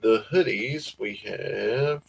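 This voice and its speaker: A man's voice: on the low side, slow pace, vocal fry, a little hiss or hum, low-quality recording. A man with a Southern US accent hosting a casual family-farm livestream, reading viewer comments in a laid-back drawl. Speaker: livestream host.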